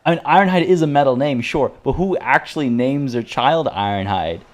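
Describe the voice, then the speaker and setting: Brisk and animated, a mid-range male voice belongs to a streamer playing a video game. He rambles to his viewers, drifting onto tangents and restarting repeatedly, and mentions he's losing his voice.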